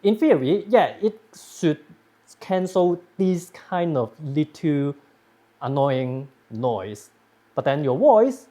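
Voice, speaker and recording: A man's voice: on the high side, warm tone. A man giving a casual gear review, heard through a wireless clip-on mic with its noise cancellation switched on, which leaves processing artifacts. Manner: chatty, restarts phrases, thinking aloud.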